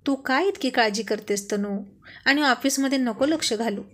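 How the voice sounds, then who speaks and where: A woman's voice: high-pitched, moderate pace. Woman doing teasing, stubborn young husband. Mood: pleading. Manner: coaxing, teasing, firm.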